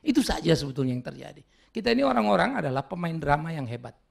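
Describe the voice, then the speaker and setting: A male pastor preaching a sermon in an animated way. He slips English words into his talk and acts out the people he quotes. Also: a little high, fast talker, gravelly, slightly rough.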